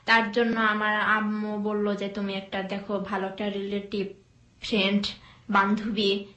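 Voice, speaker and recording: A young woman from Bangladesh telling her life story in an interview, speaking softly and hesitantly with many pauses and fillers. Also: medium pitch, completely flat delivery, roomy sound. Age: young adult.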